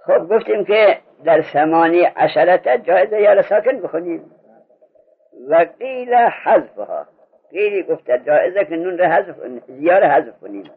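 A man with a slightly high, husky voice teaches an Arabic grammar lesson. He drills his student patiently, asking the same questions again and again. The recording sounds muffled and lo-fi.

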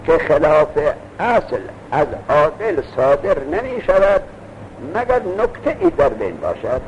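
In a dull, lo-fi recording with faint noise, a man teaches an Arabic grammar lesson to a class. His voice is darkish and on the high side, and he reads texts aloud and uses rhetorical questions.

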